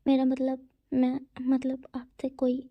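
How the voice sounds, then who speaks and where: A woman voicing a shy young man student who speaks softly and hesitantly, stumbling over his words. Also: high voice, little pitch movement, normal speed, vocal fry, no room sound, voice pushed up. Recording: tinny phone-like dry sound.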